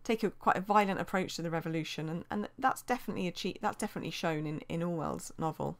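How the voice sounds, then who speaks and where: A woman's voice: on the low side, fast talker. A woman teaching a revision lesson as a voice-over, explaining steadily and reading quotations aloud, with small restarts.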